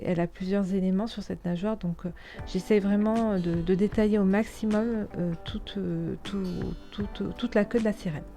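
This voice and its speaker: A woman narrating a craft tutorial in a casual, hesitant way, with many pauses and restarts. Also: mid-range voice, dark tone. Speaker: scrapbooking tutorial host.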